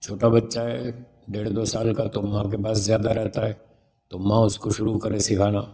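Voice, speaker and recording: A man with a rather low, warm and relaxed voice gives a spiritual discourse on raising children. He explains patiently in the manner of a teacher and pronounces sounds slowly to demonstrate them. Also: creaky.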